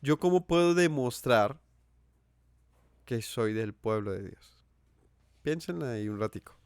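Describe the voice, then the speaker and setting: This Colombian preacher speaks with a Colombian accent, a medium pitch and a clean tone, animated yet a little slow. His earnest sermon is full of questions for the congregation and repeated phrases. The recording is dry, with clean studio sound.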